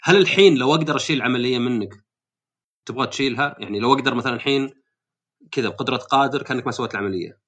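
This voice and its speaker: A man hosts a casual podcast chat, posing long, probing questions. He speaks at a brisk clip with a bright, forceful tone and a mid-range pitch. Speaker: podcast host. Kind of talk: casual conversation.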